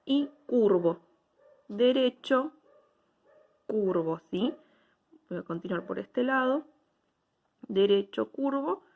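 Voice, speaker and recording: A woman's voice: a little high, fairly bright tone. Patient woman teaching a drawing class. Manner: patient, checks in with "¿sí?" after each step. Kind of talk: step-by-step drawing tutorial.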